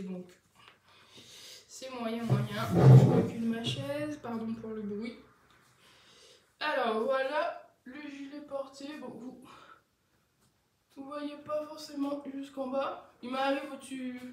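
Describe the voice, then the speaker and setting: A woman's voice: a little high, darkish tone, echoey room, slight background noise. A woman hosting a casual knitting vlog, chatty and rambling, with many fillers and self-corrections. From France. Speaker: knitting podcast host. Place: indoors at home, seated on a chair.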